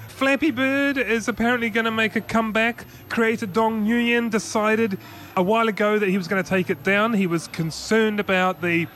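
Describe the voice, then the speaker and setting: Chatty high-voiced man hosting tech news. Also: steady tone, moderate pace, fairly bright tone, slight background noise. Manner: chatty, rambling with restarts and laughs. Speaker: podcast co-host. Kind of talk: casual tech news chat.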